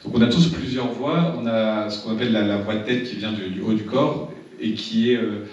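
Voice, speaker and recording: A man's voice: on the low side, moderate pace, a little mellow. A man training a seminar audience in public speaking, talking casually with many restarts and repeated words. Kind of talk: seminar talk to a live audience. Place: seminar room. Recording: echoey room, distant mic, dull sound.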